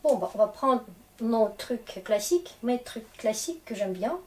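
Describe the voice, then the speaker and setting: Slow, mellow-voiced woman teacher. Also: on the high side, lively intonation, recorded from a distance, a little hiss or hum. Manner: chatty, encouraging, checks in with "d'accord?". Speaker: Russian teacher. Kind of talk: casual lesson explaining grammar.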